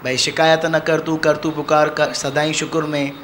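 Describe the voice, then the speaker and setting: A man's voice: a little high, level tone, moderate pace, a bit bright, slight background noise. A man giving earnest, rambling testimony at a devotional gathering in a community hall. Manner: earnest, rambling, repeats a filler phrase. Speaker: devotee sharing experience.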